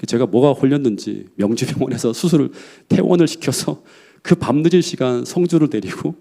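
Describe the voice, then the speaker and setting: Gravelly fast-talking male pastor. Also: fairly high pitch, warm tone. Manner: tells a personal story in a heartfelt, earnest way. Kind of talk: storytelling sermon.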